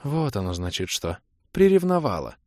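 A man's voice: mid-range voice, sing-song, a little mellow, dry recording, clean studio sound, pitched above the performer's own voice, natural voice. A man voicing a worried middle-aged mother who nags and fires off anxious questions. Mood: fretful. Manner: anxious, nagging, rapid questions.

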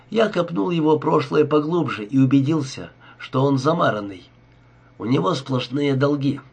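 A man's voice: mid-range voice, husky. A man reading a sneering cold crook. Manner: sneering, ironic. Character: cold, scheming male crook, sarcastic.

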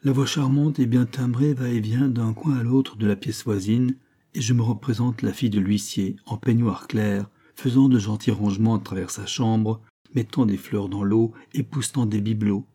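A man reading a literary novel aloud as an audiobook narrator, in a measured, descriptive manner. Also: on the low side, fairly even intonation, warm tone, husky.

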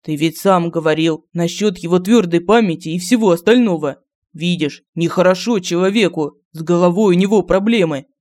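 A polite young man in a fairy-tale audiobook, voiced by a man, who settles squabbles firmly but kindly. His voice sits a little high. Steady and courteous delivery. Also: normal speed, close to an everyday voice. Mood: soothing. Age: young adult. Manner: polite and firm.

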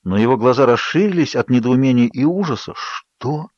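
A man narrating an audiobook in a measured, low-key way. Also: animated, darkish tone, dry recording, muffled recording. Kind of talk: scripted narration.

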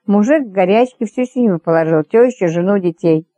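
A stern, blunt doctor speaks in flat, matter-of-fact warnings, as a woman narrator voices him in a storybook reading. The tone is mellow and low-key. The recording is dry and close. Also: a little fast, dry recording, natural voice.

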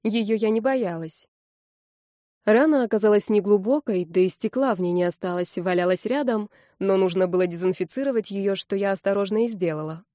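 A woman's voice: medium pitch, a little fast, warm tone, no room sound, studio quality. Woman narrating an audiobook. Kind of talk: first-person audiobook narration.

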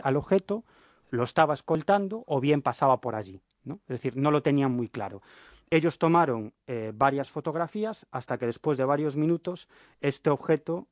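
A man's voice: mid-range voice, dry recording. Guy on the radio spinning a yarn, sarcastic asides, dry dull sound. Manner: lively storyteller, ironic asides, rhetorical questions. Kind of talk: radio chat, storytelling.

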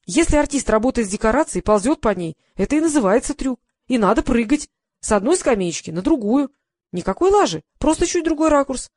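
A woman voicing a brisk businesslike crew woman. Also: a little high, big pitch swings, darkish tone, no room sound, clean studio sound. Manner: matter-of-fact, instructing.

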